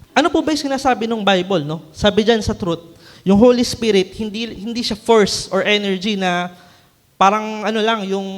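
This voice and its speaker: Guy from the philippines preaching, fairly high voice, chatty, keeps asking "right?", long hall reverb. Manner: conversational, frequent tag questions and light laughs. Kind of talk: conversational sermon teaching.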